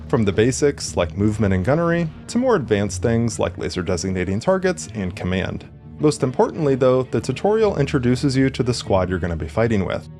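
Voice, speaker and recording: Game retrospective narrator: man, wry and conversational, lively intonation, music underneath. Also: fairly low pitch. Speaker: video game reviewer. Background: background music.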